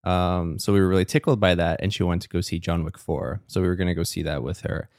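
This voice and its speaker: A man co-hosting a podcast in casual chat, his voice a little strained, telling stories in a relaxed, rambling way. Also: deep voice, fast, no room sound, studio quality. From Canada. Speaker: podcast co-host.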